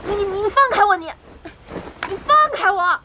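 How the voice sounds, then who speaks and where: A woman's voice: high-pitched, sing-song, fast, heavy background noise. An actress playing a headstrong female army reporter who talks boldly and scolds. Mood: indignant. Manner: bold, insistent, scolding. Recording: drama audio with music behind.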